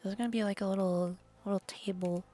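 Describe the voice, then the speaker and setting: A woman's voice: mid-range voice, fairly even intonation, quick pace, mellow, faint music behind. A woman streaming a game, chatting casually and rambling in a loose, meandering way with the odd swear. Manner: rambling, chatty, trails off into half-whispered asides. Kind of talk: casual gameplay commentary.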